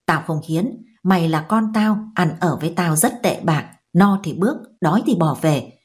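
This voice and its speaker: A woman's voice: on the low side, expressive, moderate pace, a little mellow, lightly acted. A woman voicing an angry old village mother scolding her son in a harsh, biting manner. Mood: bitter.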